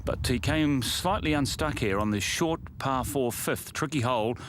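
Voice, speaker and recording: A man's voice: medium pitch, moderate pace, background noise. A man anchoring golf tournament commentary, describing play in a presenterly, conversational way.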